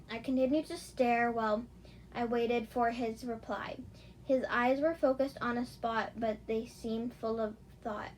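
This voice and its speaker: Woman reading a self-insert fanfic out loud, kinda high voice, trips on words sometimes, faint hiss. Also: low-quality recording. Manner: casual reading with small slips. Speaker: narrator. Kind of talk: first-person fan fiction reading.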